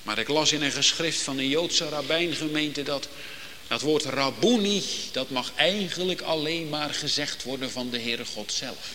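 A man preaching a sermon to his congregation, solemn and emphatic, building to loud declamatory climaxes. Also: a little high, moderate pace. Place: church. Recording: long reverb in a church hall, faint background noise.

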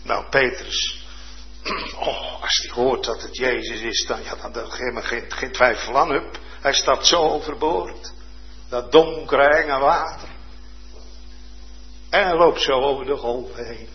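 A man preaching a sermon with fervent, dramatic delivery, dropping to hushed tones and rising to loud exclamations. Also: medium pitch, slow. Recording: dull lo-fi sound.

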